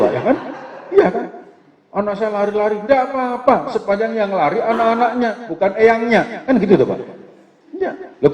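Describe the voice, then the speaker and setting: Joking preacher in a hall. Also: male voice, sits high. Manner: joking, lively, asks "ya kan?" often. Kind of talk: religious lecture to parents. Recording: echoey hall, dull lo-fi sound.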